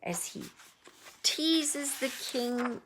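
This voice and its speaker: A woman reading a picture book aloud expressively, with drawn-out phrases, casual asides and a breathy, husky voice. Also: high-pitched, noisy background. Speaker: storybook reader.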